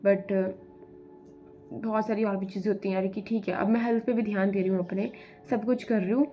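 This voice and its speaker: A young woman chats casually to her viewers about her study days, slipping English phrases into her speech. Her voice sits at a middle pitch, with faint music playing softly beneath her. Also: fairly even intonation, a little fast, dull audio. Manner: chatty, mixes English phrases into Hindi, says "yaar" often. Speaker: vlogger preparing for civil services exam. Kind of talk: casual chatty study vlog.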